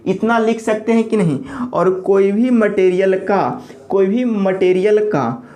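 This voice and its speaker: In a classroom lecture, an engineering lecturer with a medium-pitched, dark-toned voice poses questions and answers them. Key terms get repeated as the speaker checks in with the listener.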